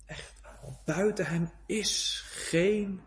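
A man preaching a sermon in a church, pleading and fervent, swinging between hushed and loud. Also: high-pitched, drawn-out words.

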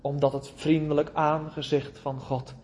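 A man preaching a sermon, pleading with his listeners and drawing out words between long pauses. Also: on the high side, little pitch movement, darkish tone, a little hiss or hum.

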